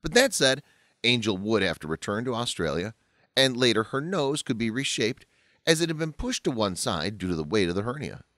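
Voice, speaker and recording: A man reading a scripted story as narrator, in an expressive, lively way. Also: mid-range voice, a little fast, dry recording, studio quality.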